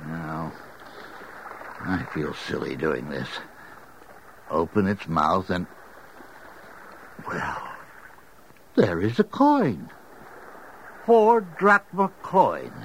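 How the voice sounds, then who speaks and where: A man's voice: mid-range voice, sing-song, slow pace, a bit bright, slight background noise, poor audio. An actor playing a plain-spoken, good-natured fisherman disciple in a Bible audio drama, hearty in manner. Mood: musing, amused.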